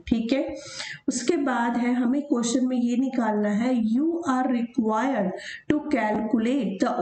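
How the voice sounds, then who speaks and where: A woman teacher with a mellow, fairly high voice talks through a worked problem over her notes. She poses questions and answers them herself, and she slows down to read the question word by word. The sound carries a roomy echo. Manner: reads the question slowly, then explains step by step. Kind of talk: lesson over handwritten notes. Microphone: voice-over of screen notes.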